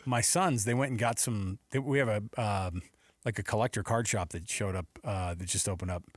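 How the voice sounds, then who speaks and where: A man with a fairly low voice hosts sports radio, talking a little fast in a casual, conversational, playful way and swapping anecdotes about sports. He is on a close studio radio microphone with no room sound.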